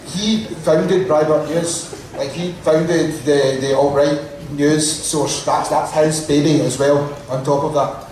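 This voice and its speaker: Higher-pitched man, very echoey live room. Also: fairly even intonation, slow pace, a little mellow. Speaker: live podcast panelist. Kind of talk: informal live show talk. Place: live stage in a club venue. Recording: very echoey venue, distant mic, faint noise.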